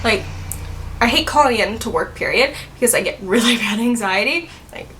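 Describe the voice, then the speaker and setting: This vlogger, a woman in her twenties, has a fairly high, bright voice with a forceful, animated tone and normal speed, with a little background noise behind her. Her storytelling rambles along, packed with "like."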